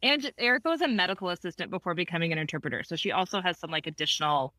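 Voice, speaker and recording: A woman therapist telling a story in a casual conversation, animated, laughing often and acting out quotes. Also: fairly low pitch, rapid-fire, dry recording.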